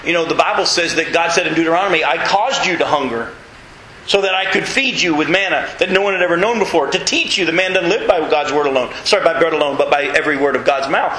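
A middle-aged man preaching a sermon as pastor, animated and reading scripture aloud to his congregation. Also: a little high, fast talker, echoey room, rough recording. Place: church sanctuary with congregation.

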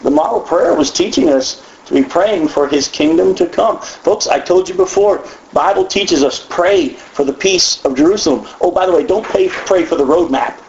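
A man from the United States teaching the Bible in a conversational way, animated and folksy, with frequent asides and repeated words. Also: sits high, moderate pace, hardly any pauses, a little hiss or hum. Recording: echoey, dull lo-fi room sound.

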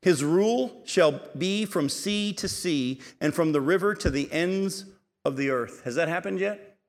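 A man's voice: a little high, unhurried. A male pastor delivering a sermon, asking the congregation rhetorical questions and building in intensity. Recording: long hall reverb.

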